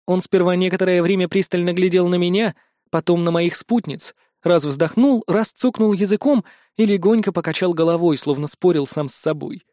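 A man reads a fantasy audiobook in a steady, storytelling way. His voice sits fairly high. The recording is dry with no room sound. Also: moderate pace, no echo. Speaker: audiobook narrator. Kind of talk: scripted audiobook narration.

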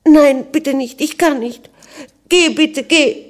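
A woman reading aloud voices a young, newly married princess who sobs and pleads in a high, desperate voice. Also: slow pace. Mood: pleading. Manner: sobbing, high-pitched and desperate.

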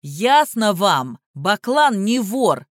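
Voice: medium pitch, normal speed, a bit bright, no echo, studio quality, lightly acted. A reader voicing a scrawny male petty thief in custody, who rants and shrieks at his lawyer. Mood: hysterical. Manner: shrieking, ranting.

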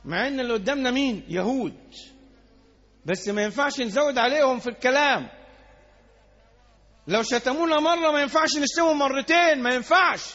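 A man with an Egyptian accent preaching a Friday sermon, emphatic, with repeated rhetorical questions and loud bursts. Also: very high voice, fairly quick, long pauses. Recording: dull lo-fi recording.

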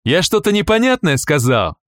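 A man's voice: high-pitched, sing-song, normal speed, a bit bright, no room sound, clean studio sound, pitched above the performer's own voice. A man voicing a rude, threatening male caravan guard in an audiobook. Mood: barking. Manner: barking, threatening.

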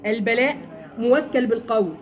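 Lively Egyptian woman teaching a religious class. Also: on the high side, a little fast. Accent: Egyptian Arabic. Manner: lively, animated storytelling with mocking impressions. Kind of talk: Quran study lesson to women. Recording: noisy room recording.

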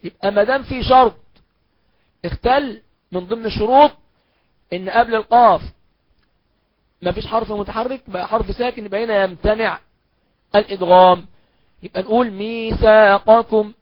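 Speaking with an Egyptian Arabic accent, a man whose voice sits high gives a recorded Quran recitation lesson in a dry, muffled recording. He takes each point in order, answering his own questions and slowly chanting the examples.

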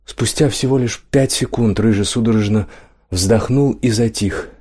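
A male narrator reads a fantasy audiobook in a steady, even storytelling voice. His voice sits on the low side for a man. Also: moderate pace, breathy edge.

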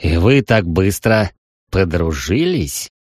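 A cold, imperious man with a very low voice presses his questions slowly and curtly, voiced by a woman narrating a story. He sounds suspicious and commanding, each word clipped. The sound is dry and close. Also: animated, darkish tone, husky, dry recording, full character voice. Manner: slow, clipped, interrogating. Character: stern, imperious male gem tycoon, cold and suspicious.

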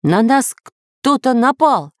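A woman's voice: fairly high pitch, expressive, a little fast, no echo, pitched above the performer's own voice. A woman reading as a stern inventor captain, scolding and firm, in a raised storybook voice. Close, dry reading. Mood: alarmed.

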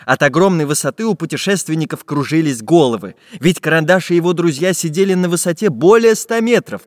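A man narrating a children's fairy tale audiobook in a lively storytelling manner. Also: fairly high pitch, brisk, no room sound, clean studio sound, in a large hall.

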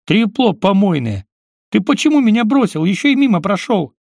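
A man's voice: medium pitch, expressive, normal speed, no echo, studio quality. A man voicing a worn-out young male hero who sounds weary and snaps back in an audiobook. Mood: weary angry. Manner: weary, snapping.

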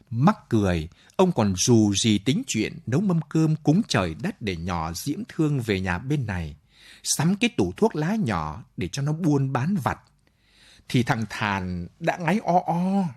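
Male narrator, unhurried late-night radio storytelling. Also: medium pitch. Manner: slow, lively storytelling with voiced dialogue.

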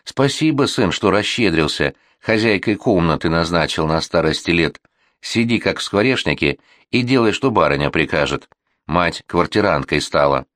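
A man's voice: low-pitched, expressive, normal speed, fairly bright tone, dry recording, studio quality. A man voicing a bitter, reproachful old village grandmother in an audiobook reading, with a scolding, folksy manner. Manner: scolding, complaining, folksy speech.

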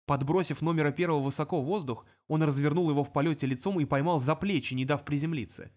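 A man narrating a fantasy audiobook in an even storytelling voice. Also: a little high, fast talker. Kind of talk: scripted narration.

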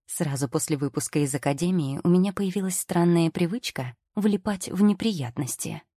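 A woman's voice: lowish voice, moderate pace, warm tone, slightly rough, dry recording. A woman narrating an audiobook in the first person with a wry, ironic storytelling manner, recorded on a close studio mic.

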